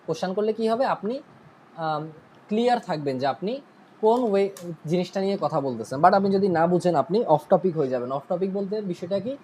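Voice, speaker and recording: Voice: medium pitch, expressive, brisk, mellow, a little hiss or hum, low-quality recording. Bangladeshi accent, IELTS teacher, casual online lesson, chatty, mixes in English terms, keeps checking in, corrects itself. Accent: Bangladeshi Bengali.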